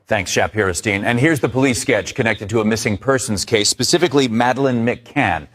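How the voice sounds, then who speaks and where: A man's voice: medium pitch, brisk, no room sound. A man delivering mock news as a sarcastic parody news anchor.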